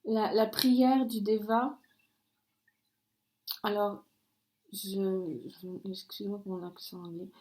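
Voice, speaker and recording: Earnest, halting woman giving a spiritual reading. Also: mid-range voice, little pitch movement, mellow. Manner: earnest, halting, with frequent restarts and apologies; firm, warning tone. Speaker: spiritual card reader. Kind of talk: channeled oracle card reading.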